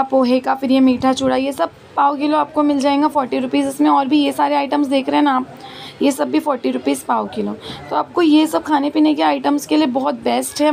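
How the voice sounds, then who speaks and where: A woman's voice: high voice, vocal fry, darkish tone. A woman, chatting and listing prices as she walks a busy outdoor street market, filming on a phone. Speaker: market vlogger. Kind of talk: walking market tour vlog. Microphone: handheld phone camera. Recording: street noise in background. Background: street market ambience.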